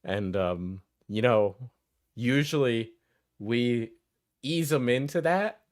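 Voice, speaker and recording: A man streams casual reaction commentary in a rambling, sweary way. His voice is mid-pitched, recorded close and dry with no room sound. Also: expressive, slow pace, dry recording.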